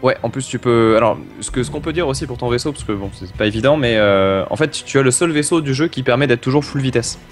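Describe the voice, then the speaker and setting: A man's voice: mid-range voice, animated, quick pace, few pauses, soft background music. A man giving eager game tips and explanations, chuckling often as he talks. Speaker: guest gaming expert. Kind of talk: casual gameplay commentary.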